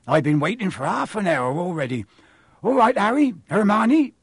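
A man's voice: high voice, very animated, normal speed, slightly rough, no echo, clean studio sound, pitched above the performer's own voice, heavily acted. Storybook gamekeeper, acted by a male narrator: fierce, big-hearted, rustic dialect, growling delivery, no room sound. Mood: gruff, stern.

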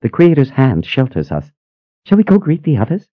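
A man voicing an excitable, bubbly woman, a religious sister, with a high, gushing and breathless manner. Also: normal speed, no echo, muffled recording. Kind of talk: audiobook character voice.

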